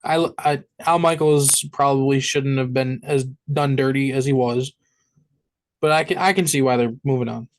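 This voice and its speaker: A man riffing on football in a relaxed podcast chat. His voice sits at an ordinary middle pitch, and he talks with lively, joking energy, often breaking into laughs. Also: moderate pace, low-quality recording. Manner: animated, laughing, swears casually. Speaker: sports podcast co-host. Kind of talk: casual chat.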